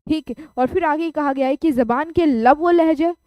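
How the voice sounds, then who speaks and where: Woman, teacher, online lecture, high pitch, dry recording, frequent check-ins. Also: normal speed, dry recording, highs cut off. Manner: explains with everyday examples, checks in with "okay?".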